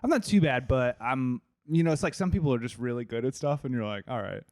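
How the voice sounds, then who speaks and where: A man's voice: medium pitch, a little mellow, no room sound. A young man co-hosting a comedy podcast, playful and teasing in casual chat. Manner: playful, teasing, quick to laugh. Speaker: podcast co-host.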